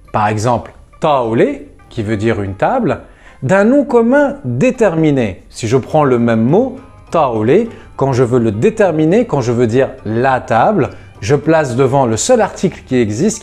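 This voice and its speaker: A man teaching a language lesson to viewers, explaining patiently and slowing down to spell out words, with a lively, enthusiastic delivery. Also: medium pitch. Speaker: Lebanese Arabic teacher.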